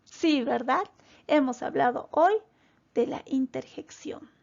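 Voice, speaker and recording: Woman teacher, slow and deliberate, gravelly high voice, talks straight to the kids. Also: darkish tone, lo-fi sound. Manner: slow, deliberate, addressing children directly. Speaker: primary school teacher. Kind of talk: recorded grammar lesson for children.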